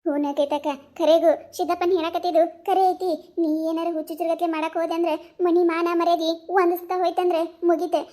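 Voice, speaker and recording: A woman's voice: very high-pitched, level tone, mellow. A woman with a North Karnataka accent voicing a fiery, scolding village woman in a cartoon comedy. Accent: North Karnataka Kannada. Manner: scolding, quick village banter.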